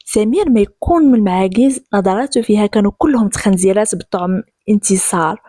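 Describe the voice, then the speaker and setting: Lively Moroccan woman telling a story. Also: mid-range voice, no echo, clean studio sound. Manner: lively, switching voices for characters. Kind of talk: first-person story narration.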